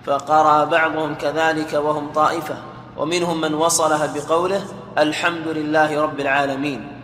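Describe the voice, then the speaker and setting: Bright-voiced man reading aloud in an echoey hall. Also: on the high side, brisk. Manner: steady formal recitation. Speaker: student reading the text aloud. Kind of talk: reading a classical text aloud. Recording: echoey hall with faint noise.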